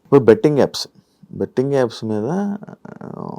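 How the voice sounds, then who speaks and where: Lively-voiced male interviewer. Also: medium pitch, moderate pace, creaky. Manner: friendly, probing, casual. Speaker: interview host. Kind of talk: casual interview chat.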